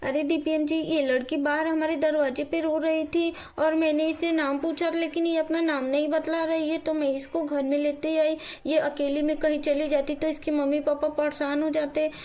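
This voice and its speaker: A woman's voice: high-pitched, level tone, moderate pace, few pauses, a little mellow, pitched above the performer's own voice, natural voice. A woman voicing a caring young housewife who coaxes a child and thinks aloud to herself. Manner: coaxing, talks to herself aloud. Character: kind poor young housewife, caring and worried.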